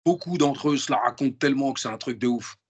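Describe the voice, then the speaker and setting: Through dull audio, a man with a medium-pitched, breathy voice speaks at a quick pace. He's an interview guest chatting casually in slang, with emphatic, animated delivery and lots of restarts and repeated words.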